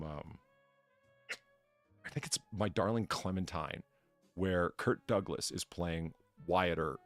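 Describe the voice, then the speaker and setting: A man's voice: deep voice, fairly bright tone, no room sound. A man hosting a casual livestream podcast, reading out donations and rambling profanely between topics.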